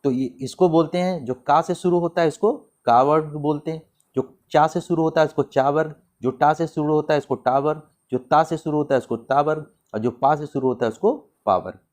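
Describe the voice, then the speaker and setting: A male teacher with a Hindi accent giving an exam-prep grammar lesson, putting questions to the class and answering them himself, spelling out sounds slowly and repeating them. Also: on the high side, a little mellow.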